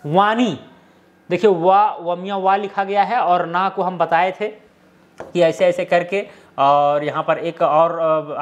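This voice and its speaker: A man explaining a script lesson step by step, often checking in with the viewer. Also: fairly high pitch. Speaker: teacher.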